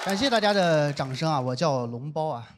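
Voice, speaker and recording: A man's voice: fairly high pitch, brisk, a faint crowd. A young man from Xinjiang performing a stand-up routine on a live comedy stage, telling stories with stammering repeats. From Xinjiang, China. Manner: animated storytelling with stammering repeats. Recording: live stage recording with audience noise.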